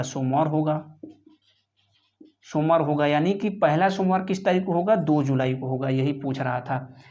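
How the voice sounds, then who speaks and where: A man's voice: fairly high pitch, darkish tone. A man teaching an exam-prep calendar math lesson. He poses questions to the class, answers them himself, and counts through each step of the working aloud. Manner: repeats his own questions and answers them. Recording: slightly muffled lo-fi sound.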